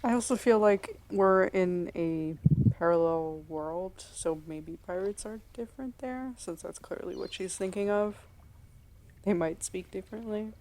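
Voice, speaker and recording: A woman's voice: medium pitch, measured pace, darkish tone. A woman hosting a let's play, chatting casually and musing aloud over the game. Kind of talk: casual gameplay commentary.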